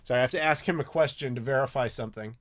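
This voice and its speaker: Answering live chat as a YouTube host, this American man talks casually in a Q&A stream, full of ums and restarts. He's racing along in a mid-range, somewhat bright voice, and a clacking mechanical keyboard comes through his desk mic.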